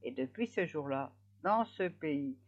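A woman reading a fairy tale aloud in an expressive way, slowing down for effect. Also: low voice. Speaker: storyteller. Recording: slightly dull lo-fi recording.

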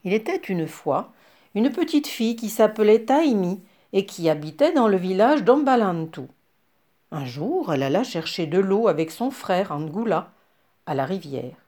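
A woman's voice: mid-range voice, moderate pace. A woman narrating a children's story, asking her listeners questions along the way. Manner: lively, asks listeners questions.

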